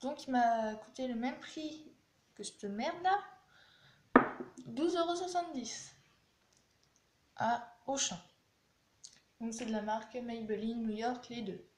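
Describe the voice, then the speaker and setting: Chatty young woman, slow and echoey. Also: fairly high pitch. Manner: chatty, blunt, animated. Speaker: beauty vlogger. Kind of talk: casual product review. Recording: echoey room with faint noise.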